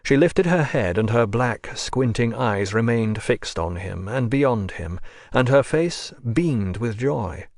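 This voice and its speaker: A man narrating an audiobook of a classic novel in a measured, even manner, gently lifting his voice for the characters. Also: mid-range voice, no room sound, clean studio sound.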